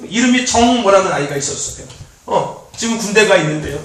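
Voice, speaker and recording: A man youth pastor preaching a sermon in a church, animated and repetitive, laughing often as he talks. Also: high voice, brisk, a little hiss or hum. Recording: very echoey, distant mic.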